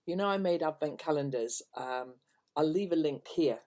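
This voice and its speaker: An older woman vlogger chats casually to her viewers at home, meandering and hesitant, with phrase endings that trail off softly. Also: sits low, lively intonation, moderate pace. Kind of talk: casual rambling chat to camera. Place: at home, indoors.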